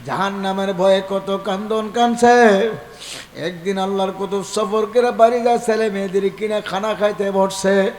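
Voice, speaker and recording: A man's voice: high-pitched, steady tone, slight background noise. A male preacher, telling a devotional story in a waz sermon and drawing out sung, wailing refrains. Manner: storytelling, drawn-out melodic chanting, emotional.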